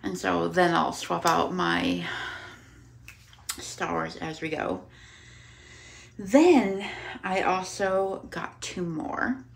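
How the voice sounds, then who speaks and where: A woman's voice: on the low side, very slow, gravelly, long pauses, slight background noise, poor audio. A tired, out-of-breath young woman chatting casually to camera about her cross-stitch projects, rambling with many ums. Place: home room with windows open.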